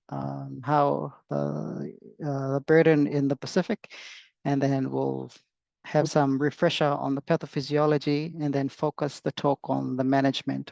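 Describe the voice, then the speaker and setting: A man's voice: medium pitch, gravelly, darkish tone, no echo. A man from Samoa, a clinical advisor giving an online lecture, hesitant and full of fillers and restarts. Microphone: video call. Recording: dull lo-fi video call audio.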